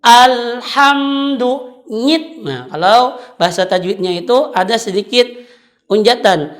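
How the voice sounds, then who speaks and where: A woman teaching Quran recitation, patiently explaining and chanting drawn-out example syllables. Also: mid-range voice, lively intonation.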